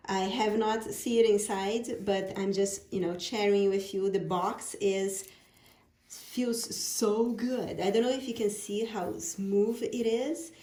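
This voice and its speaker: Unboxing her own oracle deck on a vlog, a woman from Brazil speaks accented English as her second language, gushing and repeating her praise. Her voice is mid-range, warm, slow, and fairly even, heard in a roomy space.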